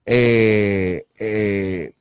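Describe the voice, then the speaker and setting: A man's voice: on the low side, steady tone, drawn-out words, smooth, no room sound, studio quality. A man with a Puerto Rican accent, a guest on a casual podcast, talking bluntly and with feeling and swearing freely. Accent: Puerto Rican Spanish.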